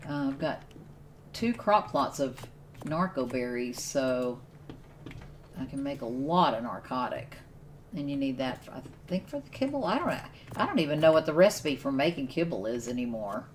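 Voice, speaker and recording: Woman, low-pitched, casual gameplay commentary, thinking aloud, faint noise behind. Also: very animated, normal speed. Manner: thinks aloud while playing, with restarts and laughs. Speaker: streamer playing a survival game.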